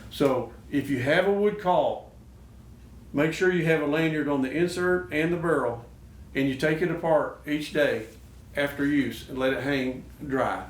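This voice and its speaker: A man's voice: fairly high pitch, unhurried. A man hosting a show, giving casual, instructional talk. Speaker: host of a duck call show. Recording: echoey noisy room, distant mic.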